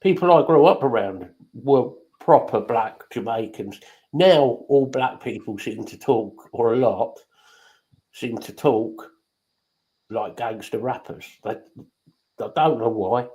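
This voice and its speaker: A man in casual conversation, crude and outspoken, with plenty of swearing. His voice sits at an ordinary middle pitch. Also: slow, mellow, low-quality recording. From England. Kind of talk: casual chat.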